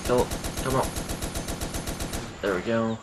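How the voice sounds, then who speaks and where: A gaming channel host chats his way through casual gameplay commentary, sounding stuffy-nosed because he has just woken up, and he is self-deprecating throughout. His voice sits on the low side and he takes things slowly, with game sounds and gunfire in the background.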